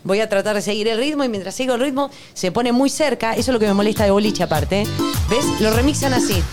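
A middle-aged woman with a Rioplatense Spanish accent, guest co-host in a casual comedic chat, telling stories and acting out quoted lines in high voices. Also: fast talker, a little mellow, faint music behind.

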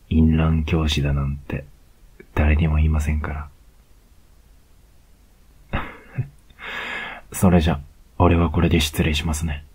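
A cocky young male student with a Kansai lilt, voiced by a man in a whispered role-play. His voice sits extremely low and husky, drawn out slowly and evenly with little rise and fall. He teases in a close, unhurried murmur with soft laughs. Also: full character voice.

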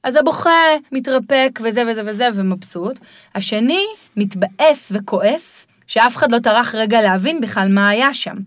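A middle-aged woman guiding parents in a podcast conversation, explaining in a lively way and sometimes mimicking children's voices. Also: on the high side, dry recording. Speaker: parenting guide.

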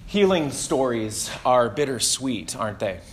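A man preaching in a measured, solemn way, reading the gospel aloud and then reflecting on it. His voice sits in an ordinary middle pitch. A faint noise runs beneath the recording. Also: sing-song.

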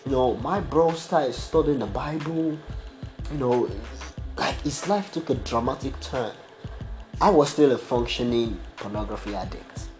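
Young man, casual testimony, slangy, many fillers, mid pitch, faint music behind. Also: animated, measured pace, darkish tone. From abroad, studied as international student. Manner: casual slangy talk, frequent fillers and restarts. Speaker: podcast guest sharing testimony.

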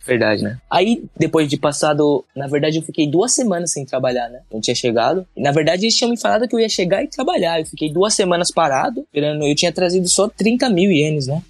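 Brazilian guy, 20s, husky, fast and chatty, dry close sound. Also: on the high side, sing-song, no echo. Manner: loose anecdotal telling, filler "né" tags. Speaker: podcast guest. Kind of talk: casual storytelling. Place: podcast studio.

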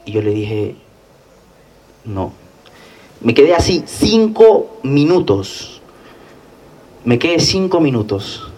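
A young man from Peru with a Peruvian Spanish accent, telling his life story as an interview guest in an animated way that repeats phrases for emphasis. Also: medium pitch, slow pace, pauses often, far from the mic. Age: young adult. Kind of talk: personal life story told in conversation.

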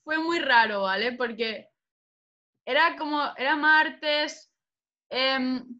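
A woman's voice: high voice, slow, pushed and bright. A woman fighter chatting casually, telling a story animatedly and swearing freely. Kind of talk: casual chat. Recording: dull lo-fi sound.

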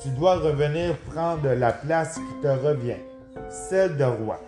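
A man voicing a young lioness, a loyal friend, speaking in a hushed murmur in a storybook reading. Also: fairly high pitch, a little slow, lightly acted. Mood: urgent. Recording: roomy, clear background music.

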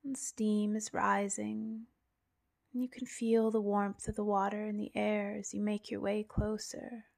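A woman softly narrating a guided relaxation like a sleep story, half-whispering with long pauses. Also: medium pitch, little pitch movement, creaky.

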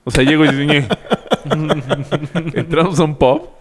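A man's voice: on the high side, unhurried. A man with a Mexican Spanish accent, co-hosting a podcast and telling a story in casual chat, acting out the exchanges. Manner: animated storytelling, acts out exchanges.

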